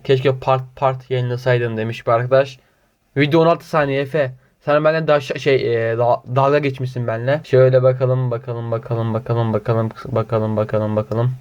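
A man's voice: mid-range voice, highs cut off. A man reading viewer comments in a casual vlog, teasing and mock-indignant, muttering repeated filler phrases in a sing-song way.

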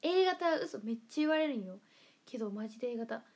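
A woman's voice: on the high side, expressive, a little fast, darkish tone. A young woman with a Kansai accent, chatting playfully on a livestream and reading comments aloud, with frequent giggles and murmured asides. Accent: Kansai Japanese. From Kansai, Japan. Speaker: idol livestreamer.

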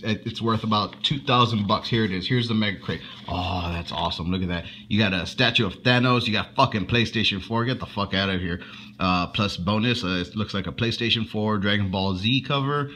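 A man with a fairly low voice talks loosely through an unboxing, stopping and restarting often and swearing as he goes. A faint hiss sits under his voice. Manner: rambling, profane, halting. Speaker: unboxing vlogger. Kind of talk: casual unboxing commentary.

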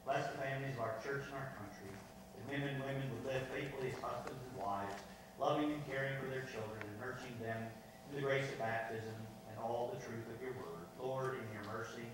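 Solemn pastor with a cathedral echo. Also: male voice, mid-range voice. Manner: measured, solemn intoning. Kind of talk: leading liturgical prayers. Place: large church sanctuary. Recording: echoey church from far off, noisy.

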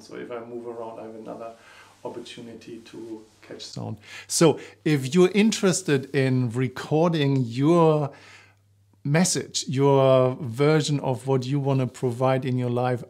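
Middle-aged man presenting, even pitch. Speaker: presenter, coach and author. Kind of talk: to-camera promotional presentation. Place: small living-room home studio indoors. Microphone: shotgun microphone just out of frame.

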